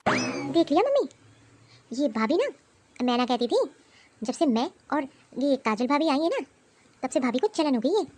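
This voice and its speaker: A woman's voice: high-pitched, sing-song, normal speed, pauses often, darkish tone, a little hiss or hum. A woman voicing a young sister-in-law in a cartoon, with a gossipy, teasing way of talking. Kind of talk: cartoon voice acting.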